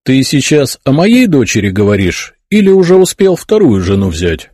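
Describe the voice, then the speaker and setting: A man's voice: mid-range voice, wildly swooping pitch, moderate pace, darkish tone, slightly rough, no echo, clean studio sound, pitched above the performer's own voice. A man voicing a stern prince who speaks reproachfully to his son. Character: stern ruling prince and father.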